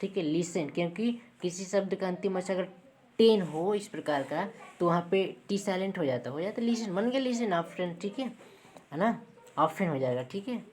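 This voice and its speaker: A woman's voice: on the low side, expressive, normal speed, darkish tone, slight background noise. A woman, teaching a lesson step by step and checking in with her students after each point. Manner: repeats points, checks in with "ठीक है". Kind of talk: classroom lesson.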